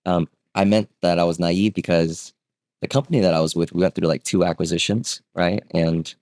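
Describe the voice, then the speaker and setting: A man with a deep, low voice tells his story in an easy, chatty way, full of small fillers and quick check-ins with the listener. He sounds close to the mic in a dry room. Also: no room sound. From Vietnam. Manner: relaxed, conversational, frequent fillers and rhetorical "right?". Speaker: guest, real estate agent. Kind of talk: casual interview storytelling.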